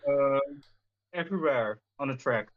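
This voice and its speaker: A man giving halting, plain answers as a sim racer in a casual post-race interview, heard over dull voice chat. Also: mid-range voice, expressive. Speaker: sim racing driver being interviewed.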